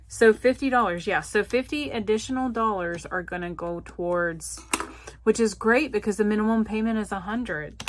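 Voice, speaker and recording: Chatty Southern woman with a slow drawl. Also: medium pitch, slight background noise. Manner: chatty, laughs often, says "y'all". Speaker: budgeting vlogger. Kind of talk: casual direct-to-camera chat.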